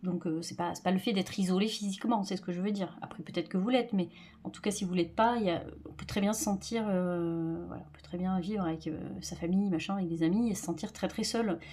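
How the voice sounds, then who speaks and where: A woman's voice: fairly low pitch, quick pace, dark tone, slightly rough. A woman with a French accent giving a casual tarot reading, talking loosely with frequent fillers and repeated words. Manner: chatty, loose, repeats herself, informal fillers. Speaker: tarot reader.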